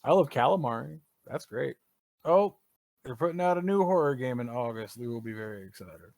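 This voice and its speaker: A man co-hosts a gaming podcast in an easy, casual way, opinionated and animated, and he swears freely. His voice sits in a middle range. It is recorded close and dry with no room sound. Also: mid-range voice, normal speed, no room sound. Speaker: podcast co-host. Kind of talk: casual chat.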